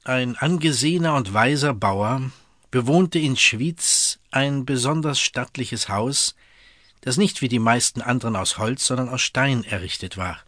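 A man narrating a retold classic story in an even, measured storytelling manner. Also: medium pitch, dry recording, clean studio sound. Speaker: audiobook narrator.

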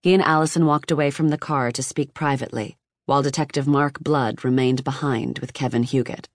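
Recorded close in a booth with no echo, an audiobook narrator reads nonfiction in a measured, even manner. The voice is medium in pitch.

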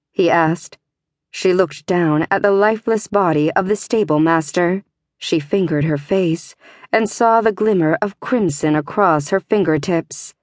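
A woman narrating a fantasy audiobook in a measured, tense way. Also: on the low side, no room sound, studio quality.

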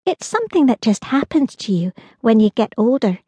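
A woman voicing an excited young girl in a children's audiobook, urgent and pleading. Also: fairly high pitch, normal speed, husky, no echo. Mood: eager. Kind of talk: audiobook character voice.

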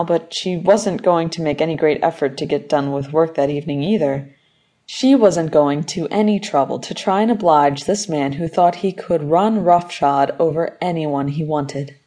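Woman audiobook reader, low warm tone, steady measured delivery. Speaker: audiobook narrator. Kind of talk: scripted narration.

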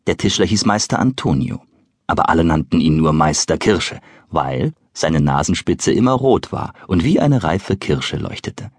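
A man reads a children's storybook slowly and playfully, speaking straight to the young listeners. His voice is low and very breathy, with a lively melody. The recording is close and completely dry. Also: dry recording. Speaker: audiobook narrator.

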